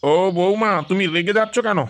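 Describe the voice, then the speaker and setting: A woman voicing a kindly, soft-spoken old father in a cartoon. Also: mid-range voice, brisk, slight background noise, lightly acted. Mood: soothing.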